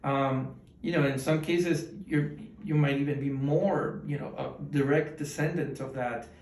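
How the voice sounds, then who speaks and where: His answers to the interview questions are casual and rambling, with many fillers and restarts; he's a man in his twenties from Ecuador. The voice is mid-range and a little mellow, with fairly even intonation and a measured pace. The echoey room and distant mic shape the sound.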